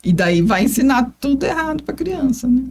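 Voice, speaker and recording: A woman's voice: high voice, normal speed. A Brazilian woman co-hosting a podcast, speaking casually and with emphasis. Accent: Brazilian Portuguese. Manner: expressive, emphatic, many agreeing murmurs. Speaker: podcast co-host.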